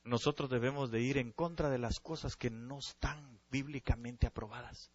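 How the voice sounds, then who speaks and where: A male pastor preaching a sermon, animated and often calling out to his listeners. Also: medium pitch, moderate pace, dull audio.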